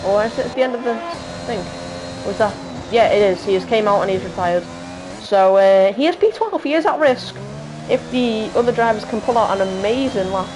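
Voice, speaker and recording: A woman with a Liverpool accent doing live sim-racing commentary, halting with fillers and jumping up in excitement at crashes. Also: on the high side, noisy background. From Liverpool, England.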